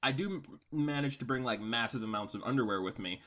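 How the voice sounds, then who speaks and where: A man's voice: mid-range voice, fast talker, sharp tone, muffled recording. A man co-hosting a casual podcast, telling a story in a rambling way with many fillers, restarts and laughs. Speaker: podcast co-host. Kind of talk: casual chat.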